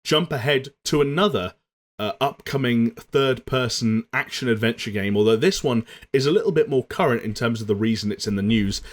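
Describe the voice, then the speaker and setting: A young adult man co-hosts a casual gaming podcast chat, talking fluently and steering things along with easy segues. He speaks at medium pitch and normal speed.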